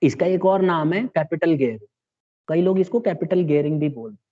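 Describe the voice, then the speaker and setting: A man's voice: fairly high pitch, moderate pace. A man teaching a classroom lecture, explaining step by step and checking in with his students. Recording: dull lo-fi classroom recording.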